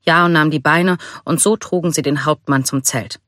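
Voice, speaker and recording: A reader narrating a storybook in a calm, even reading voice. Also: medium pitch, normal speed, dry recording, clean studio sound. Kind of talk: scripted narration.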